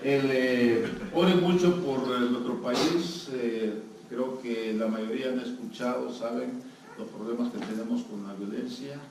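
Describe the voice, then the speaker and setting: In a noisy, echoey church hall recorded from a distance, a guest pastor with a Salvadoran accent gives an interactive sermon, posing questions and joking with the congregation. His mid-range voice holds a steady tone and moves a little slowly.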